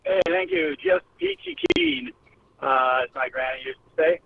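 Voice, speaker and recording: A man's voice: very high voice, wildly swooping pitch, normal speed, creaky, dry recording. A man calling in to a radio talk show, rambling with lots of fillers about political news. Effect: phone line. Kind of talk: call-in political comment. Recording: tinny distant phone line.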